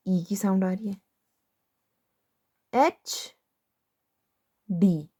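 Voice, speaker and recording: Drawing out her words, a young woman with a medium-pitched, dark, slightly rough voice teaches shorthand step by step. She patiently questions herself, then answers, repeating "ठीक है" along the way.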